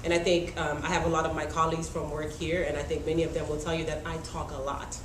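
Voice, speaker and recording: A woman's voice: low voice, flat delivery, fast talker. A young woman from Haiti, whose first language is Haitian Creole, telling personal stories to a panel audience in a chatty way, with many ums and small laughs. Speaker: panel speaker. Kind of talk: personal talk at a public forum. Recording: echoey room with background noise.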